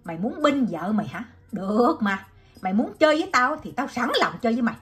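A woman's voice: on the high side, animated, quick pace, soft background music, natural voice. A woman voicing an angry, quarrelsome male laborer who blusters and threatens in a storybook reading.

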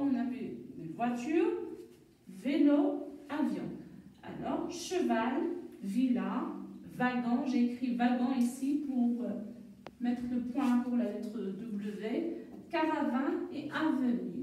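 A woman teacher giving a recorded reading and writing lesson to young children, slowly sounding out words syllable by syllable. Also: sits high, mellow. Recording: distant mic in a very echoey room.

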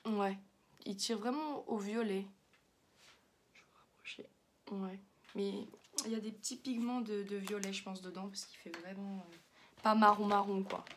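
A woman's voice: mid-range voice, slight background noise. A young woman chatting casually through a makeup haul, with many fillers and slang words. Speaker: beauty vlogger.

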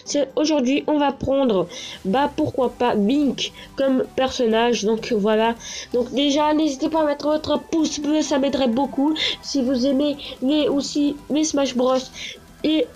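Sick with a cold and stuffy-nosed, a gaming channel host lies in a small, echoing bedroom and rambles casually about her gameplay, full of fillers and restarts. Her voice sits high and is a little mellow, moving at a measured pace. The handheld console camera gives dull audio, with game music in the background.

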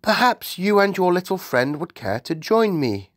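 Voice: medium pitch, very animated, normal speed, dry recording, clean studio sound, voice pushed up, natural voice. A storybook reader voicing a gracious, self-composed queen with a polite, formal manner.

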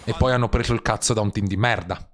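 A man's voice: on the low side, fairly even intonation, quick pace, music in the background. A man casually reacting to a match as a streamer, repeating his phrases emphatically. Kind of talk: casual, animated reaction commentary.

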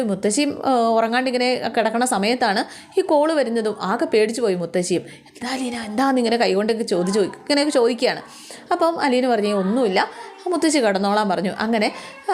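A woman's voice: a little high, expressive, quick pace. A woman narrating a dramatic story in a conversational way, with friendly asides to her listeners.

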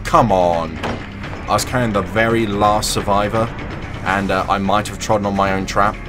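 A man's voice: lowish voice, background noise. A young man casually commentating his own gameplay, chatty and jokey, sometimes teasing the other players. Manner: chatty, jokey, taunts opponents in a sing-song voice. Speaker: gaming channel host.

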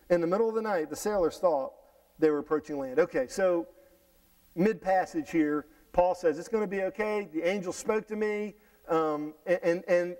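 A middle-aged man preaching a sermon in a church, reading scripture aloud and explaining it with lively restarts and repeated words. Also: sits high, distant mic, poor audio. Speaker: pastor. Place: church sanctuary stage, indoors. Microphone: headset mic.

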